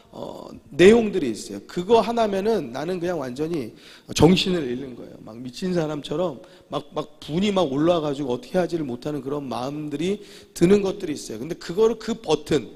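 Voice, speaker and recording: A male pastor delivers an emphatic sermon, circling back on repeated phrases and rising to sudden loud declarations. His voice sits a little high and carries a gravelly, husky edge. The church sanctuary around him rings with a long reverb. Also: sing-song, a little fast.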